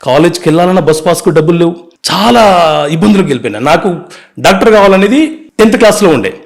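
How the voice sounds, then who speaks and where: A man, an advocate telling his life story in an interview, earnest and brisk, mixing in English words. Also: high-pitched, lively intonation.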